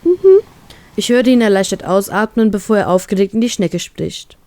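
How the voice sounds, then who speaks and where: A woman's voice: mid-range voice, fairly quick, darkish tone, no room sound. A woman reading a fan fiction story aloud in the first person, acting out the heroine's lines expressively.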